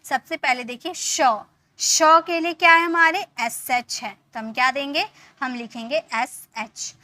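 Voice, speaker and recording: A woman from India giving an online lesson as an English teacher, patiently explaining and often checking that the point is clear. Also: high-pitched, steady tone, unhurried, bright, forceful tone. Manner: patient, repeats points with frequent check-ins.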